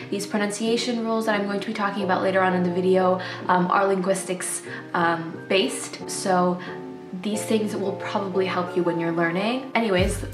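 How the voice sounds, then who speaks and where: A young adult woman vlogger, whose first language is Nepali, shares casual tips in a chatty vlog packed with fillers. Her voice is mid-range and the sound is roomy.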